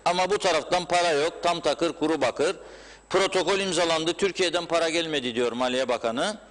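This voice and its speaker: A man's voice: a little high, a little fast, a bit bright. A man hosting a political talk show, making sarcastic commentary with rhetorical questions, his voice carrying a heavy cave-like echo.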